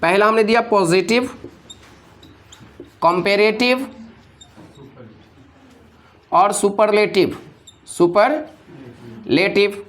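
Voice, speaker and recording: A man's voice: high-pitched, unhurried. A male teacher giving a classroom grammar lecture, constantly quizzing his students with call-and-response questions.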